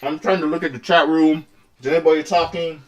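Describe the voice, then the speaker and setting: A man's voice: on the high side, fairly even intonation, a little fast, highs cut off. A young man streaming a mukbang, chatting casually and loosely with viewers while talking through a mouthful of food. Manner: talks with his mouth full; loose and profane, addresses chat as y'all. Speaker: streamer eating on camera. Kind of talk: casual live-stream chat while eating.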